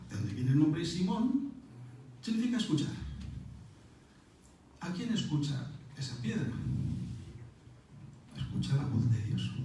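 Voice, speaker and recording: A man's voice: fairly high pitch, creaky, warm tone, slight background noise. A man giving a spoken lecture on scripture to an audience, explaining step by step, repeating key words and asking rhetorical questions. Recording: roomy echo from a distant mic.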